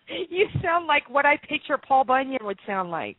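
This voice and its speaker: A woman guesting on a podcast, chatting in a joking, animated way. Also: high-pitched, a little slow, dry recording. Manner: joking and animated, laughs often. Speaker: radio host, podcast guest. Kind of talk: casual chat. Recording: tinny Skype call audio.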